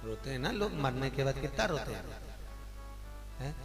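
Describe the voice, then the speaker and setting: A male preacher giving a storytelling sermon, teasing and animated, at a live discourse in a large hall. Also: medium pitch, normal speed. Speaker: preacher telling a religious story. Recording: echoey hall with music.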